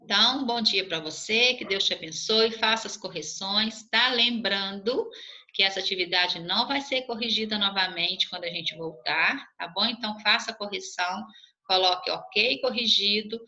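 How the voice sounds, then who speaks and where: Bright-voiced woman teacher, patient lesson. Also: mid-range voice, muffled recording. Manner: slow, drawn-out syllables when spelling out endings, checking in with "tá bom?". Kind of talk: recorded remote lesson, correcting exercises.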